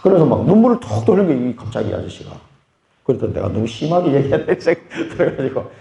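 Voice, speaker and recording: A man's voice: mid-range voice, quick pace, creaky. A middle-aged man preaching a sermon as a pastor, telling a personal story and acting out both sides of a conversation. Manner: animated, storytelling, acts out both sides of a dialogue. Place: church sanctuary. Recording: echoey church hall.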